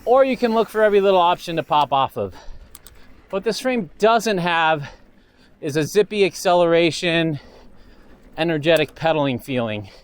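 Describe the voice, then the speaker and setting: A man's voice: fairly high pitch, animated, normal speed, pauses often, clean tone. Man giving a riding commentary outdoors. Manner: enthusiastic, talks while riding. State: a little winded. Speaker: mountain bike reviewer. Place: outdoors on a desert trail.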